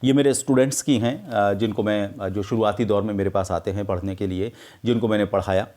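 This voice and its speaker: A middle-aged man teaching script writing for news, explaining in a measured way with frequent hesitations. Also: lowish voice, steady tone, darkish tone. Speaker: media teacher. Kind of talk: explaining script mistakes to camera.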